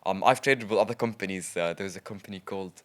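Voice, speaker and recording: A man, a trader guest, telling stories in a casual interview in a chatty, lively way, with frequent ums. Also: low voice, fast.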